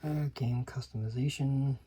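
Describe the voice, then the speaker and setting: A man's voice: medium pitch, steady tone, a little slow, background noise. A man flipping through an old magazine, reading ad slogans aloud and adding dry, muttered asides, sometimes dropping to a whisper. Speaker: channel host. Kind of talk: casual commentary while paging through a magazine.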